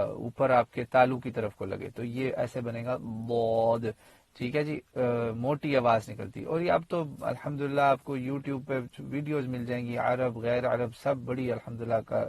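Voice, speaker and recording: A man giving a spoken tajweed lesson in an explanatory way, pausing often on fillers and asides. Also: medium pitch, creaky, no echo. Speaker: Quran teacher and imam.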